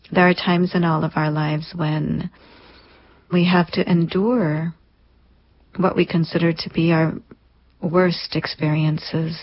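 A woman in her thirties, an interview guest, giving an earnest, measured account of her recovery. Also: lowish voice, husky, dull audio. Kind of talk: reflective personal account.

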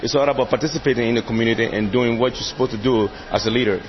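A man from Liberia speaks in an interview in a proud, measured way. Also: medium pitch, highs cut off.

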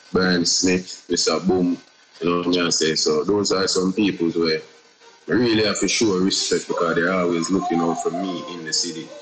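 In a rough-sounding recording, a man from Jamaica speaks in a low, slightly bright voice with a Jamaican accent. He's a singer being interviewed, relaxed and rambling, with "you know" coming up again and again.

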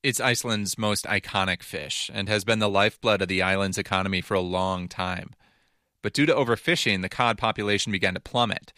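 A man's voice: on the low side, fairly quick, pushed and bright, no echo, clean studio sound. A man narrating a scripted news feature in a conversational, explanatory way. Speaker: reporter narrating.

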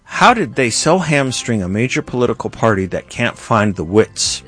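A man's voice: mid-range voice, big pitch swings, moderate pace, a bit bright, faint music behind. A middle-aged man hosting a political talk show, speaking emphatically and rising to indignant outbursts. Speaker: host.

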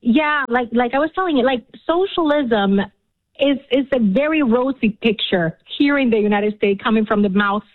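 A woman's voice: a little high, moderate pace. Cuban-born woman on a phone line. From Cuba. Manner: earnest, passionate, many fillers. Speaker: guest. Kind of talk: radio interview.

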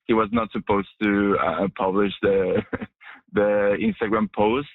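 A man's voice: lowish voice, level tone, measured pace, noisy background. A young man from Mexico, a journalism student, answering radio interview questions with many fillers and restarts. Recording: dry, tinny phone-like line.

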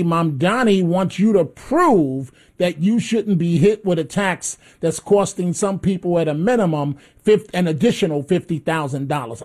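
A man with a notably high voice hosts a call-in radio show, sneering and combative as he mocks his targets. His delivery is sarcastic and opinionated throughout. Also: dark tone. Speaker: radio talk show host.

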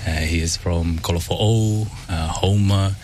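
Deep, flat-voiced New Zealand man. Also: slight background noise. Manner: halting, thoughtful, many pauses. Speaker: dentist, studio guest. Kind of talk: radio interview. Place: radio studio.

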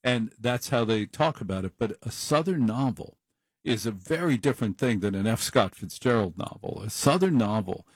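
A middle-aged man hosts an overnight call-in radio show, delivering a casual monologue into a studio microphone. His fairly low, slightly breathy voice has lively intonation and a moderate pace, and he rambles in a chatty, self-deprecating way. There is no echo.

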